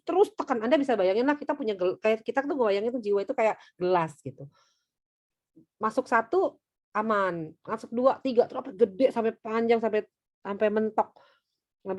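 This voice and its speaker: A middle-aged woman counselor on a talk show, chatting in a lively way and acting out quoted voices. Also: mid-range voice, no echo. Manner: chatty, lively, acts out quoted voices, frequent filler tags. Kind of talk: casual talk-show teaching.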